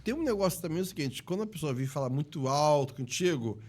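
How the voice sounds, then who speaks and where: A man's voice: on the high side, lively intonation, fast talker, a little mellow. A Brazilian man hosting a casual podcast, chatting and agreeing often with his guest. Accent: Brazilian Portuguese. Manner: chatty, agreeable, with frequent filler affirmations. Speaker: podcast host.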